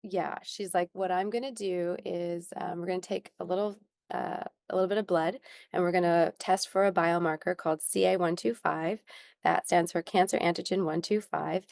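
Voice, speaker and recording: A woman's voice: on the low side, gravelly, a little mellow, no room sound. A young adult woman telling a personal story in an interview, earnest and at times close to tears. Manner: earnest, tearful at moments, many ums. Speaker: skincare founder, interview guest.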